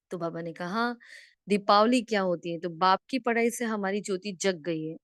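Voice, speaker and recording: A woman's voice: lowish voice, no room sound, studio quality. A woman leading a devotional scripture revision class, explaining step by step and often checking with listeners, "isn't it?". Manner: gives homework and direct instructions to listeners. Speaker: spiritual teacher.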